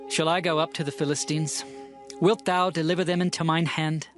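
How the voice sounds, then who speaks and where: A man's voice: a little high, level tone, brisk, over music, lightly acted. An actor playing an impassioned ancient warrior king in a dramatized scripture reading, declamatory and earnest. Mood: pleading.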